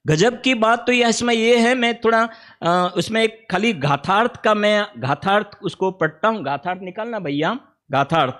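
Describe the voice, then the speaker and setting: A man with a high-pitched voice and a Gujarati accent delivers a spiritual discourse. He talks in a conversational way and keeps putting questions to his listeners. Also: normal speed, fairly bright tone. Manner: conversational, asks the audience questions often. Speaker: Jain preacher. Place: teaching camp hall.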